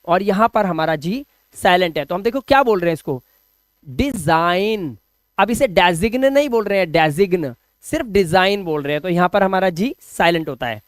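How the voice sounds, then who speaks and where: A man's voice: high voice, clear, resonant tone, no room sound. A man giving an online video lesson on English pronunciation, explaining patiently in Hindi and dropping in English phrases. He keeps repeating each word and asking rhetorical questions to drill the point.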